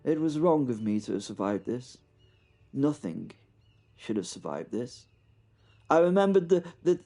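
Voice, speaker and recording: A wry British man, a podcast host, narrates a first-person horror audio drama serial. His voice is fairly high in pitch and dark in tone, and his narration is halting, with frequent repeats.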